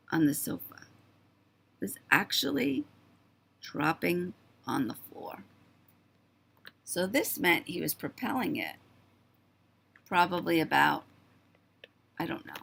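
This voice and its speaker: A woman in her fifties telling a story to the camera in a chatty, marvelling way, her voice starting to go hoarse. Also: on the low side, fairly bright tone. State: voice going hoarse. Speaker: vlogger.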